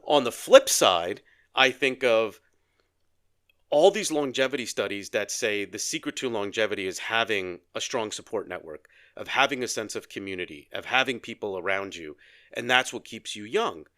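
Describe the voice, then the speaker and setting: Bright-voiced man, animated podcast co-host. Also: on the low side, normal speed. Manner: animated storyteller, acts out quoted dialogue. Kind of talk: casual conversation.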